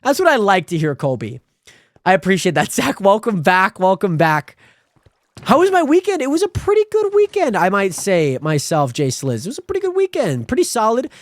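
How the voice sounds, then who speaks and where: A man's voice: moderate pace, dry recording, studio quality. A man in his twenties from the Pacific Northwest, streaming and chatting casually with viewers in a rambling, friendly way. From Spokane, Washington. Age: 20s. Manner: rambling, friendly, animated with sudden high pitch jumps. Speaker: livestreamer. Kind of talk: casual stream chat reading viewer comments.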